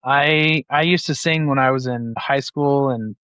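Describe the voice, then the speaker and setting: A banker in his forties from Utah, USA, chats as a guest in a casual interview, rambling and heavy on filler words, especially "like." His mid-range voice is a little slow and fairly bright, with a clean, echo-free sound.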